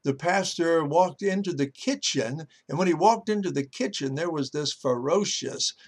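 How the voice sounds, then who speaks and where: A man's voice: fairly high pitch, moderate pace. Folksy man giving a devotional talk. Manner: folksy storytelling with many fillers. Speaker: pastor.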